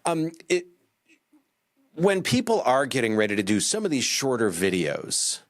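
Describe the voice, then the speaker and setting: With a mid-range voice at a moderate pace and no room sound, a man hosts a podcast interview in a conversational, animated way. His speech is loose and full of fillers and false starts.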